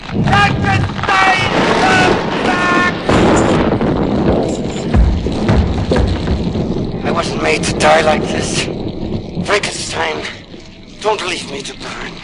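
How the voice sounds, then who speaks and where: A man performing a dramatic monologue as an anguished, lonely male monster, moving between hushed whispers and desperate shouts. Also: a little high, vocal fry. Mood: frantic. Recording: noisy recording with clicks.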